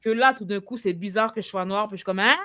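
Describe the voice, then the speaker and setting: A woman's voice: medium pitch, fast, pushed and bright. A young woman with a Québécois French accent hosting a podcast, chatting casually and acting out dialogue with playful asides. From Quebec. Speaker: podcast host. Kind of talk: casual chat.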